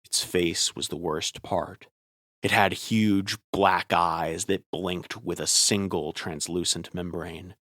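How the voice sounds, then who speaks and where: A man's voice: low voice, steady tone, slow pace, a bit bright, dry recording, studio quality. A man narrating a first-person horror story in a tense, scripted way.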